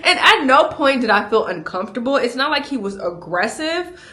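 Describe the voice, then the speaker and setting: Lively young woman telling a travel story. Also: high-pitched, normal speed. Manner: animated, laughing, acts out quotes. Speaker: travel vlogger. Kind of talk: casual storytime vlog.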